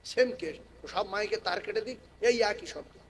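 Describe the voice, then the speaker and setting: A man preaching a sermon to a gathering over a public address microphone. He moves from quiet, chatty explanation to loud, drawn-out chanting and rallying call-and-response with the crowd. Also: high voice, a little hiss or hum, poor audio. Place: outdoor religious gathering with loudspeakers.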